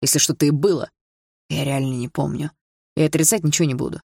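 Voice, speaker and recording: A woman voicing a sullen, grieving teenage boy in an audiobook, speaking in a flat, clipped way. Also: low voice, fast talker, vocal fry, breathy edge, no echo, clean studio sound, full character voice. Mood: defensive.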